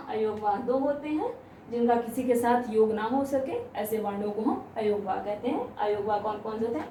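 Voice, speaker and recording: A woman teaching grammar, explaining step by step, asking questions and answering them herself, and stretching out example sounds slowly. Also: fairly high pitch, mellow, slight background noise. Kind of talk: classroom explanation. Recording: echoey room, voice from a distance.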